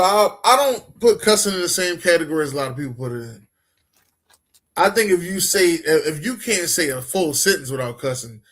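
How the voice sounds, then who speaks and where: Man co-host, slightly high voice, laid-back and slangy, animated talker. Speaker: podcast co-host. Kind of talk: casual chat.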